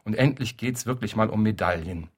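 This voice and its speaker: A man reading a literary story aloud in a dry, deadpan narrating manner. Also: on the low side, fairly quick, husky. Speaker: reader.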